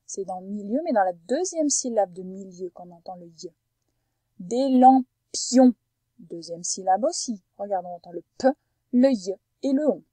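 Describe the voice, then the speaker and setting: A woman teacher with a mellow, slightly husky voice walks a young pupil through a phonics lesson. She talks patiently and slows right down to over-articulate each sound. The recording is close and dry. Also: medium pitch, expressive, dry recording, rough recording. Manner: slow, careful over-articulation of sounds for a child.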